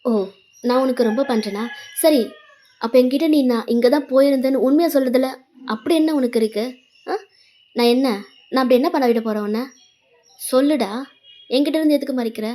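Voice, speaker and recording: A woman's voice: sits high, brisk, pauses often, warm tone, close to an everyday voice. A woman voicing a hurt, angry young woman who scolds her boyfriend with sarcasm in a fan fiction voice-over. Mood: bitter. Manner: bitter, sarcastic.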